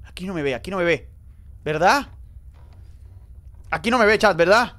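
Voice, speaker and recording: An excitable man commentating a horror game live for his chat. His voice sits high and swings widely, from hushed nervous asides to panicked yelps. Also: moderate pace. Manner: excitable, jumpy, talks to chat. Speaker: streamer.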